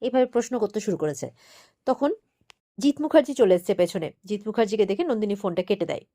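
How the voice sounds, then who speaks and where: A woman's voice: medium pitch, lively intonation, warm tone. A woman recapping a TV serial episode in a casual retelling, quoting the characters' lines as she goes. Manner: retells quickly, quoting each character's lines with light emphasis.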